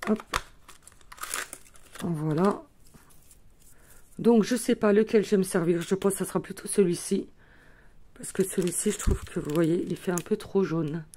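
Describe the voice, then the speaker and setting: A woman's voice: on the low side, a little slow, pauses often, mellow, slight background noise. A woman hosting a craft tutorial, chatting casually as she shows her materials, with many small fillers. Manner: chatty, fills with "euh" and "voilà", talks while handling materials.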